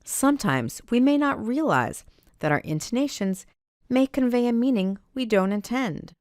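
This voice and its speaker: A woman giving a scripted training narration for librarians, reading do's and don'ts in a measured, instructional way. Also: fairly high pitch, lively intonation, a little mellow, no echo, clean studio sound.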